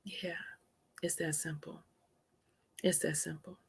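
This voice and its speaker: A woman hosting a motivational live stream, dropping to soft whispers for emphasis and calling listeners honey. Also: low-pitched, little pitch movement, takes it slowly, creaky.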